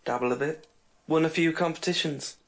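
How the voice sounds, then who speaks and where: A man's voice: on the high side, fairly quick, gravelly. A man playing an offhand, teasing amateur cook in a video game. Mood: nonchalant. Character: flippant man, amateur competition-winning cook.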